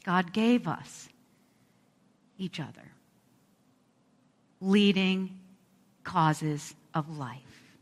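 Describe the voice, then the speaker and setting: A woman pastor praying slowly and reflectively during a service, her voice carrying the long echo of a large church. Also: on the low side. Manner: slow, reflective, heartfelt praying. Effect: long echo of a large church hall. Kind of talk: spoken pastoral prayer. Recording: reverberant church sanctuary.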